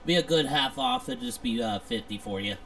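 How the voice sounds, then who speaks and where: A man chats politely and casually in character in an online game. His voice runs a little high with some fry in it, and there is clear noise behind him. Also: huge pitch swings, a little fast, a bit bright. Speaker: player acting as a pizzeria owner.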